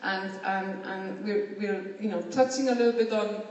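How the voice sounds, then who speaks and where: A woman's voice: medium pitch, moderate pace, darkish tone, highs cut off. A woman from Iceland, speaking earnestly as a panelist and often repeating words while she thinks. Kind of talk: panel discussion remarks. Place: conference hall. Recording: echoey hall, distant mic.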